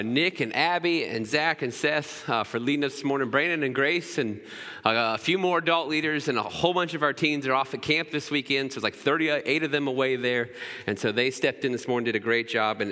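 A man's voice: medium pitch, bright, forceful tone. A man in his thirties preaching a sermon in a church, talking in a casual, conversational way and often checking in with "right?". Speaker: pastor. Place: church sanctuary. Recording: long hall reverb.

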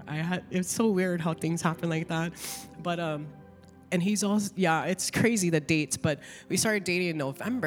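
A woman's voice: deep voice, in a large hall. Emotional woman sharing her testimony. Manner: emotional, chatty, lots of "like". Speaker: church member giving a testimony. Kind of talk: Easter testimony at church.

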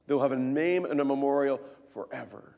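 A man in his thirties preaching a sermon as pastor, earnest, moving between hushed tones and emphatic peaks. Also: mid-range voice, brisk, gravelly. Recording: long reverb of a church hall.

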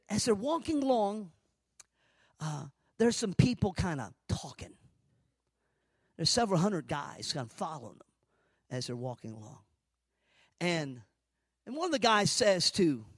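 A male preacher delivering a sermon dramatically, swinging between shouted declarations and hushed, near-whispered lines. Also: high-pitched, no echo.

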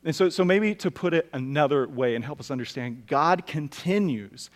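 A man's voice: a little high, animated, normal speed. A man preaching a sermon as pastor, talking conversationally with bits of humor and frequent restarts.

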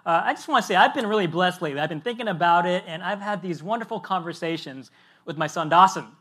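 A male pastor in his thirties preaches a sermon like a friendly chat, telling stories with lively energy. His voice sits high for a man. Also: fast. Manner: lively, chatty storytelling.

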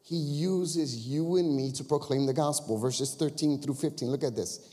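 A man's voice: on the high side, normal speed, warm tone. A male pastor preaching a sermon to his church, telling a personal story in a chatty way with frequent "right?" and "you know?" asides. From Chicago area. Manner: conversational storytelling with confessions and crowd asides. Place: church sanctuary. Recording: long reverb of a church hall.

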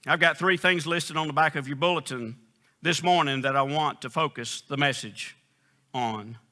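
Bright, lively male preacher. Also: moderate pace. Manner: swings between loud, high, emphatic questions and quiet, low storytelling; reads scripture aloud in King James wording. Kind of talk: sermon.

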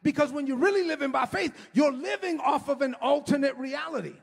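A middle-aged man preaching an impassioned sermon as a pastor, often shouting and stretching his words, recorded in a church sanctuary. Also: very high-pitched, fairly quick, creaky. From United States. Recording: long hall reverb.

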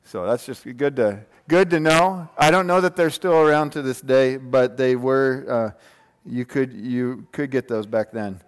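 Unhurried and clean-toned, his mid-range voice carries a casual sermon to the congregation gathered in a large room. The man, around his forties, jokes informally and keeps posing rhetorical questions. A long hall reverb marks the recording.

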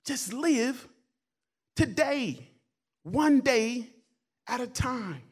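A man preaching a sermon as a guest pastor, loud and emphatic in places and quiet in others, often repeating his words and phrases. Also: very high-pitched, expressive, drawn-out words, husky. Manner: preaching, swings between quiet asides and loud emphatic calls.

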